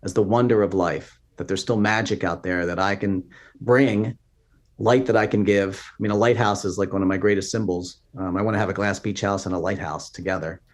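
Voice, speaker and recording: A man in his fifties speaks as a podcast guest, his voice sitting on the low side. He talks earnestly and in an inspirational way, in a relaxed interview manner. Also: a little fast. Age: 50s. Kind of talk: casual interview talk.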